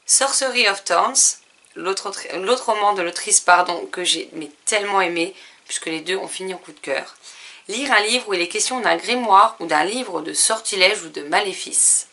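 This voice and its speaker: A woman book vlogger chatting through a reading challenge list, pausing with fillers and correcting herself as she goes. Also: mid-range voice, pushed and bright. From France. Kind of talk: casual book challenge presentation.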